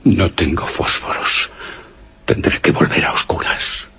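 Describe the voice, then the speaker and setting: In a radio horror drama, an actor with a Castilian Spanish accent plays a nervous man in a gloomy haunted castle, agitated and muttering tensely and theatrically to himself. His deep voice, with vocal fry and a measured pace, competes with loud music.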